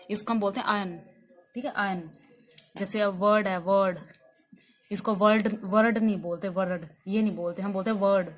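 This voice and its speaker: Woman teaching english in hindi, asks students questions and repeats stuff, medium voice, bit of background hiss. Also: mid-range voice. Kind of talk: spoken English lesson in Hindi.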